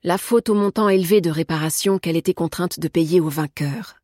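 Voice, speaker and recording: A woman narrating a novel in a measured, even storytelling manner. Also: fairly low pitch, no room sound, clean studio sound. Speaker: audiobook narrator. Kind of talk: scripted narration.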